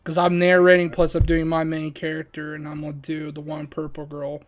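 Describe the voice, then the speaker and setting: Streaming and narrating a game, a young man speaks briskly in a fairly high, monotone voice. He's jokey, laughs often, and directs his friends in a casual chat while voice-acting the game.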